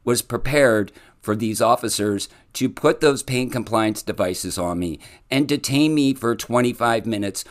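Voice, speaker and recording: A man hosting his own solo podcast, talking earnestly in legal terms and often restarting his sentences. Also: mid-range voice. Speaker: podcast host.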